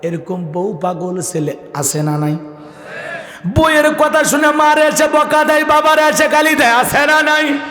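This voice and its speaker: A man preacher who tells stories in a sing-song sermon style, swinging between high calls and low asides. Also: measured pace, sharp tone. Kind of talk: Islamic sermon storytelling. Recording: echoey hall with long reverb.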